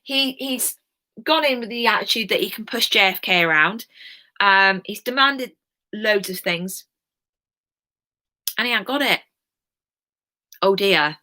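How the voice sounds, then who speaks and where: A woman's voice: medium pitch, animated, unhurried, long pauses, pushed and bright. A young woman, giving a casual recorded history lesson in a chatty, informal way, full of asides and filler words. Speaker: history teacher.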